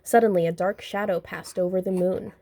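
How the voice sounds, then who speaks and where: A woman reading a children's picture book aloud, gentle and expressive. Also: lowish voice, brisk, slight background noise. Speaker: storybook reader. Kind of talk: children's story read-aloud.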